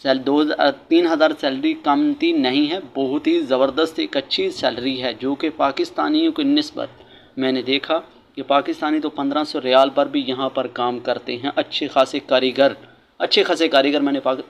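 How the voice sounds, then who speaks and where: A man's voice: mid-range voice, steady tone, normal speed. A man from Pakistan giving casual, earnest vlog commentary at an outdoor construction site, repeating his key points as he gives advice. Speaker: vlogger.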